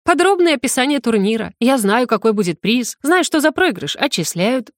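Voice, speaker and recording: A flustered young student girl, as a woman narrator puts her on, protesting in a raised, exclaiming voice. She argues back quickly and sounds indignant. The recording is dry and close. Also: big pitch swings, no echo. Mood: grumbling. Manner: high, exclaiming, argumentative. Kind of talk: audiobook character voice.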